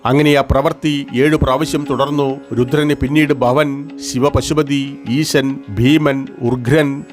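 A male storyteller giving a steady, even scripted narration of old religious tales. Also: medium pitch.

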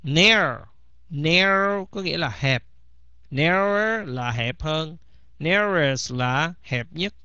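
A man's voice: on the high side, expressive, slow pace, pushed and bright, clear, resonant tone, no echo. A man teaching English vocabulary in a bilingual lesson, repeating each word several times. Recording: slightly dull, dry recording.

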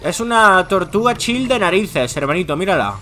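Young gamer dude, super animated and theatrical, bright voice, faint hum behind. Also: male voice, high voice, normal speed. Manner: animated, theatrical, calls his brother "hermanito". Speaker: gaming YouTuber. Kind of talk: playful gameplay banter.

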